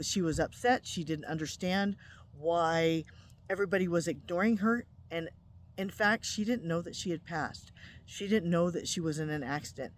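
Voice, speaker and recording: A woman's voice: on the low side, slight background noise. A middle-aged woman speaks straight to her viewers, recounting a personal experience. Her delivery is loose and chatty, with plenty of ums and small restarts. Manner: conversational, with frequent ums and restarts. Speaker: spiritual channel host. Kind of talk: casual personal storytelling.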